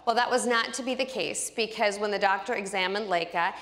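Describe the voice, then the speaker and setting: A woman's voice: mid-range voice, a little fast, a bit bright, big-room sound. A woman teaching a Bible study who tells a personal story with animation and acts out the dialogue.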